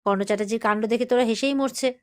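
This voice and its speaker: Racing along in a steady, rather high voice, a Bengali-accented woman offers a casual rundown of a TV serial episode. She retells the scenes and occasionally performs the characters' lines in a more animated voice.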